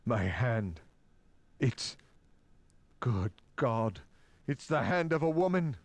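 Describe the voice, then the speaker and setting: A man's voice: mid-range voice, very animated, slight background noise. An actor playing a confused, horrified man brought back to life as an experiment, in a game. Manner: bewildered, halting.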